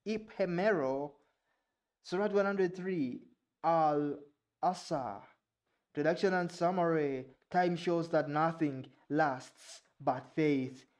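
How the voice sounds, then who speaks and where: A young vlogger from Uganda reads aloud with hesitation, carefully sounding out unfamiliar words between casual side comments. His pitch is fairly high and his tone a little mellow, and his English has a Ugandan accent over his native Luganda.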